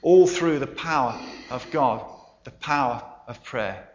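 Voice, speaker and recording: A man preaching a sermon, telling a story with emphatic pauses and soft endings. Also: medium pitch. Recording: roomy, slightly dull sound.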